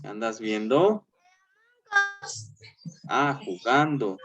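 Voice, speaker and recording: A male teacher giving an online class in a chatty way, filling pauses with "eh" and "este" and checking in with "¿verdad?". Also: medium pitch, animated, lo-fi sound, music in the background.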